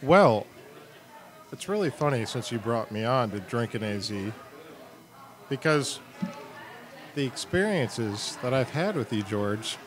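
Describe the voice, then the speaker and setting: A middle-aged man with a medium-pitched, lively voice speaks at a measured pace with long pauses, crowd noise behind him. Co-hosting a beer show in a studio, he works in sales and marketing and keeps cracking self-deprecating jokes and laughing in this casual comedic chat.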